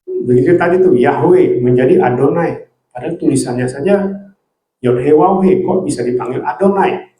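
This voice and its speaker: A man's voice: fairly high pitch, normal speed, dark tone, echoey room, poor audio. A man preaching a sermon in an earnest teaching manner, tagging his points with short asides. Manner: earnest teaching with many filler "ya" tags.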